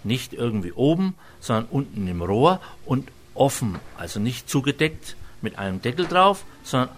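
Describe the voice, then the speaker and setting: In a Franconian German accent, a restaurant chef from Franconia, Germany, explains his cooking in a homely, rambling chat with frequent hesitations. His mid-range voice is sing-song and runs at normal speed.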